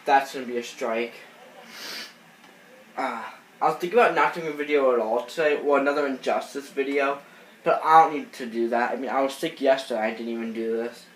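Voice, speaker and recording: Fillers, restarts and sniffles from a cold mark this casual voice-over by a gaming channel host over baseball gameplay. He speaks fairly quickly in a mid-range, slightly bright voice with fairly even intonation, recorded in an echoey room carrying faint noise.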